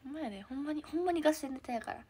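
A teenage girl with a Kansai accent chatting casually with fans on a live stream, giggly and trailing into soft murmurs. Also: high-pitched, animated, racing. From Hyogo, Japan. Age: teens. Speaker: idol trainee streaming to fans.

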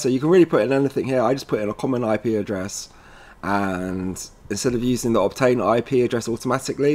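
In this informal instructional video, a man of medium pitch and somewhat dark tone shows how to set up a product. He takes the viewer through it step by step, saying "guys" as he goes.

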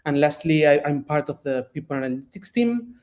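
A man from Argentina introducing himself as a guest on a video call, halting and full of fillers. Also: on the high side, animated, darkish tone. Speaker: panel guest.

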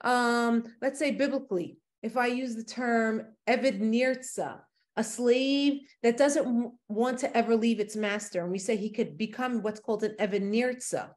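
A woman's voice: a little high, a little slow. A woman giving a casual Torah lesson, explaining verses and asking rhetorical questions as she teaches.

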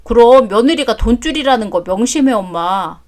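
A woman's voice: on the high side, lively intonation, normal speed, a little mellow, natural voice. A woman voicing an exasperated adult son who answers his mother curtly in a story drama. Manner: curt, exasperated. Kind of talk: story drama read aloud.

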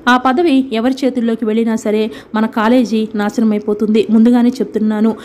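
A woman's voice: a little high, level tone, fairly quick, a little mellow, a little hiss or hum, lightly acted. Woman voicing a dying mother, sorrowful. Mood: urging. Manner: sorrowful, urging. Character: dying middle-aged mother, sad and insistent.

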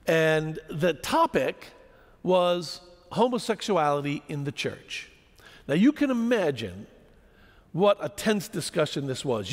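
Man lecturing in a large hall, expressive pitch, long reverb; suits a lively talk. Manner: animated storytelling, rhetorical questions. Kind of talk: public lecture to an audience.

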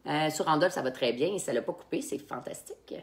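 A woman sommelier speaks with a Québécois French accent in a casual live-stream chat. She is chatty and animated and fills her talk with asides to the people watching her wine quiz. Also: low-pitched, fairly quick. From Quebec. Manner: chatty and animated, with frequent fillers and asides to viewers.

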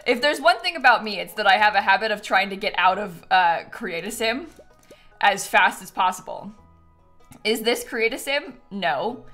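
This game streamer, a young adult woman, chats with viewers in a playful, self-mocking way, giggling near the mic in a small home room as game music plays. Her mid-range voice has lively intonation and a pushed, bright quality at a moderate pace.

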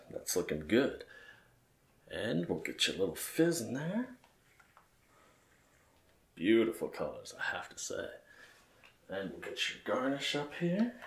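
A man's voice: mid-range voice, reverberant, slight background noise. A man doing ASMR role-play game commentary as a bartender, with polite, attentive customer-service patter. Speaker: ASMR gamer playing a bartender.

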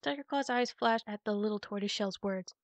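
Calm woman reading a storybook softly. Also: mid-range voice, brisk, dry recording. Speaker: audiobook reader. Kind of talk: soft ASMR storybook reading.

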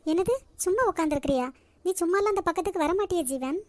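A lovesick young cartoon woman, voiced by a woman, soft and pleading in a Nagercoil Tamil accent. Her voice is very high and the lines come quickly. The sound is dry and close. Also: dry recording. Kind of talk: cartoon voice acting.

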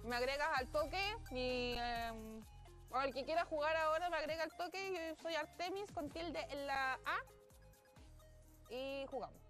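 A woman's voice: high voice, a little slow, a bit bright, faint music behind. A young Chilean woman hosting a casual gaming stream, chatty and playful, exclaiming and laughing as she plays and reads the chat. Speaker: streamer host.

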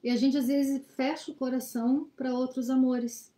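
Woman, study-group presenter; earnest, exhorting, fairly high and warm, laptop webcam in a small room. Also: little pitch movement, moderate pace. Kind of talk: reflective teaching talk. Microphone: laptop webcam on a video call.

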